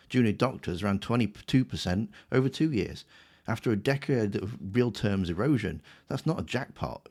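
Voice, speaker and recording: A man with a fairly low voice delivers scripted commentary as a rebuttal. He sounds smug and sarcastic, mocking the claims he picks apart. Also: a little mellow. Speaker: political commentator.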